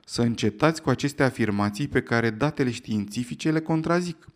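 A self-assured, provocative old professor, voiced by a man reading aloud, addresses a crowd firmly. His delivery is measured and ceremonious. He sounds completely sure of himself. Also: medium pitch, natural voice.

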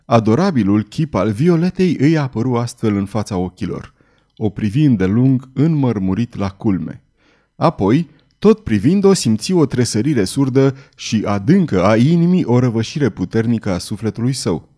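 A man narrating a dramatic novel in a measured, theatrical style. His voice is dark and mellow, at an ordinary pitch. He sets each scene with steady weight.

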